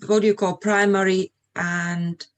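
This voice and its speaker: Here a middle-aged Slovak interviewee recalls her life in English, her Slovak accent clear. The voice is mid-range and flat, delivered at a measured pace, in a casual chat-style interview with someone from Eastern Europe's Slovakia.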